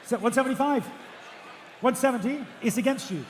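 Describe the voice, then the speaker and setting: A man working as an auctioneer, calling bids in rhythmic, repetitive number patter, projecting loudly to a room. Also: very high-pitched, fairly quick. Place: large auction room with bidders. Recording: echoey auction hall, faint background noise.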